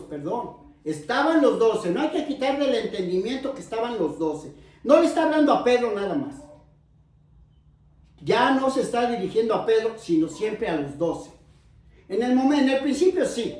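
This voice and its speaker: Male preacher, sermon, slow explanations, repeated phrases, very echoey room, set back from the mic. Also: high voice, darkish tone, far from the mic. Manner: explains slowly, calls listeners brother, repeats phrases for emphasis.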